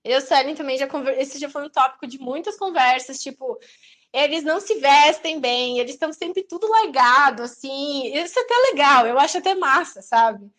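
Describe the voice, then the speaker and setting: A young woman with a Brazilian accent chats casually as a podcast host, her voice sitting noticeably high. She talks in a lively, anecdotal way and briefly acts out the people she is describing. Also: normal speed. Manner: chatty and lively, acting out quoted people in passing. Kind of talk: casual chat.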